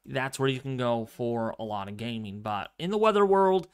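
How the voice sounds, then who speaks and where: A livestream weather host, this man covers severe weather live, commenting and chatting with his viewers. He has a medium pitch and moderate pace, and his calm, fairly monotone voice is quiet but clear.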